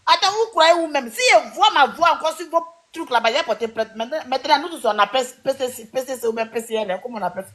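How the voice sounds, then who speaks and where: A woman's voice: high-pitched, expressive, quick pace, hardly any pauses, fairly bright tone. A woman on a live-stream panel, scolding and insistent and repeating her points.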